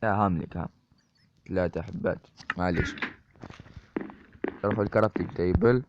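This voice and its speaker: Algerian guy doing chatty game commentary, deep voice with some fry, dull lo-fi mic, hiss behind. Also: brisk. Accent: Algerian Arabic. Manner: chatty, keeps addressing viewers as brothers. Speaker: gaming YouTuber. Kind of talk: Minecraft let's-play commentary. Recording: dull lo-fi mic with steady noise.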